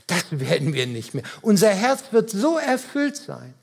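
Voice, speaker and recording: A man's voice: high voice, sing-song, unhurried, creaky, slightly rough. A man preaching a sermon in a church service, earnest and emphatic, speaking directly to the congregation and driving points home through repetition. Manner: earnest, emphatic with repeated phrases.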